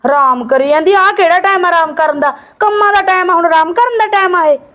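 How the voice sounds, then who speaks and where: A woman playing a blunt, fast-talking young village woman. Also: very high-pitched, a bit bright. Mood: scolding. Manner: blunt, scolding and insistent. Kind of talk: homemade family drama acting.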